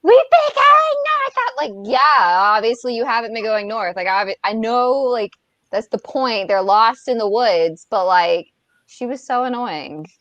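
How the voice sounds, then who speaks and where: A woman co-hosting a casual live stream, animated and quick to laugh. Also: mid-range voice, dry recording, dull audio.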